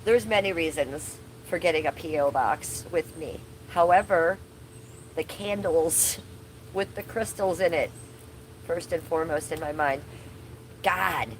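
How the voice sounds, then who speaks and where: Her voice is deep and measured, captured in poor audio with slight background noise. She's livestreaming a casual chat outdoors from her backyard under trees, somewhat sick and losing her voice. Loose and chatty, she swears casually and calls out chat viewers by name.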